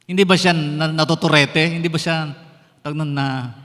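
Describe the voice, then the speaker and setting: A man's voice: fairly high pitch, steady tone, normal speed, sharp tone. Filipino pastor guy preaching, keeps asking the crowd questions, long church reverb. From Philippines. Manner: mixes English phrases into Tagalog, asks the congregation questions. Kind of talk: sermon. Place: church sanctuary.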